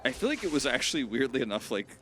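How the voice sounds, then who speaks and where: A man's voice: mid-range voice, very animated, racing. A talkative man in his thirties calls an esports match in a casual, joking way. His voice rises and falls a lot as he banters. Music plays in the background behind him. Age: 30s. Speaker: esports caster.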